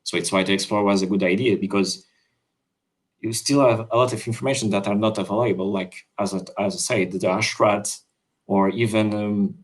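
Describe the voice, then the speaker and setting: A man's voice: fairly low pitch, steady tone, brisk. A man from Switzerland, a crypto developer, chatting on a video call in a hesitant way, with lots of fillers and restarts. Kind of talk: casual video call chat.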